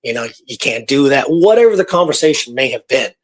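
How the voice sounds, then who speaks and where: On a radio show he co-hosts, this man recounts a bit of history informally, with halting delivery and emphatic repeated phrases. He has a mid-range, sing-song voice.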